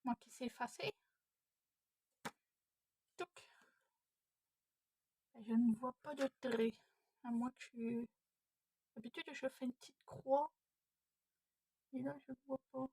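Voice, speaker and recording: A woman's voice: high-pitched, fairly even intonation, takes it slowly, long pauses, warm tone, breathy edge, dry recording. A woman in her thirties, a budgeting vlogger, thinking aloud and muttering to herself at home while she works through savings challenges. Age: 30s. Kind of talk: casual self-talk while doing savings challenges.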